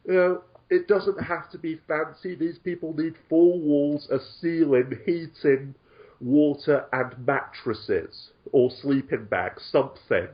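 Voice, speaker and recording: A man's voice: fairly high pitch, takes it slowly, dull audio. A man talking on an online show, sarcastic and indignant, swearing freely as he rants. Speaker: guest commentator. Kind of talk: casual online talk show discussion.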